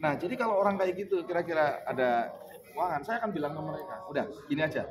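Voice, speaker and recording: A man coaches a sales team, acting out his sales conversations. He keeps checking in with the room, asking "ya kan?". An audience in the meeting room laughs and reacts clearly behind him. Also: a little high, animated, fast talker, a crowd in the background. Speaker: business coach. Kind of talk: motivational talk at a sales meeting.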